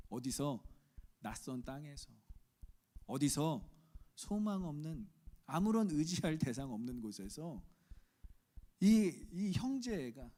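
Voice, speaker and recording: Middle-aged male pastor, Chungcheong accent, lively sermon style, swings his pitch, mimics voices. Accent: Chungcheong Korean. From Korea. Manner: animated preaching, acts out quoted voices, rhetorical questions to congregation.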